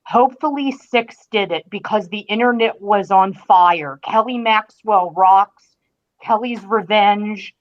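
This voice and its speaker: On a relaxed podcast, a guest critic with a mid-range voice talks slowly and emphatically, lengthening the words she stresses. The call recording sounds dull and lo-fi.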